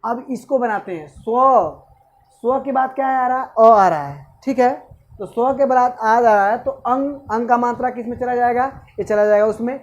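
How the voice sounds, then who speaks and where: A man's voice: very high-pitched, normal speed, highs cut off. A male teacher giving an exam-prep grammar lesson, asking questions and answering them himself. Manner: asks and answers own questions, repeats "okay".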